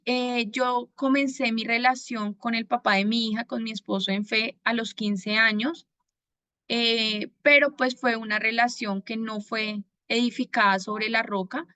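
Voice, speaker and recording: A woman from Bogotá with a Colombian accent, giving a personal faith testimony in an earnest manner, pausing often to gather her words. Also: fairly high pitch, pushed and bright, no echo. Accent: Bogotá Colombian Spanish. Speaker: testimony giver.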